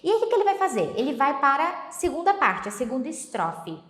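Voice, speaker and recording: A Brazilian woman with a somewhat high voice teaches English pronunciation through a song. She explains each point step by step and repeats lyric lines slowly. Her voice rings in a noticeably echoey room. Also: sing-song.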